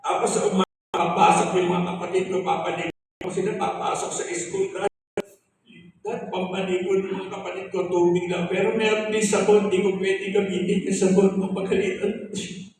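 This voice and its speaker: A man's voice: sits high, flat delivery, brisk. An older man giving an earnest, emotional church testimony and quoting scripture as he tells his story. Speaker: testimony speaker. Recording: echoey hall from far off, faint hiss.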